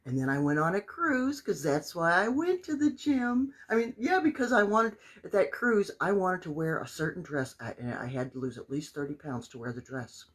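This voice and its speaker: Lively, husky-voiced older woman live-streaming. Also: fairly low pitch, moderate pace, few pauses. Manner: chatty, greets viewers by name, exclamatory. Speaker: motivational coach. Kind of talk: casual live-stream chat.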